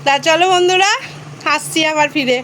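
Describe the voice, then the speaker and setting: A high-pitched woman with a Bengali accent talks to her viewers like friends as she films her daily routine at home. She speaks into a phone camera, with a faint hum of household noise behind her. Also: normal speed, fairly bright tone. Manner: chatty, addresses viewers as friends. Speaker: vlogger. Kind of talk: casual daily vlog narration. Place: family home.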